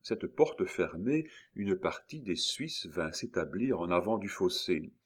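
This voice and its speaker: Slow, low-voiced male narrator. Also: sing-song, slightly rough. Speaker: audiobook narrator. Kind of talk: reading of a classic novel.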